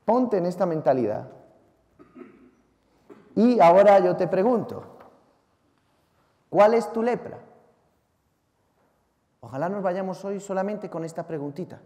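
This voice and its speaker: A man from Spain with a Spanish accent, a priest reading the Gospel and preaching a Sunday homily in a lively, theatrical way, talking straight to the congregation. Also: high voice, measured pace, pauses often. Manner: lively, theatrical, shouts out acted cries, talks to listeners directly. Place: large church. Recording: long church reverb.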